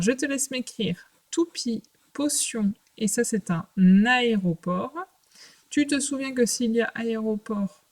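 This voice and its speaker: A woman's voice: medium pitch, darkish tone. Patient woman teaching young children. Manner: patient, clear, speaks to a young child, with pauses between short phrases. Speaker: primary school teacher. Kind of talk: recorded remote lesson for young children.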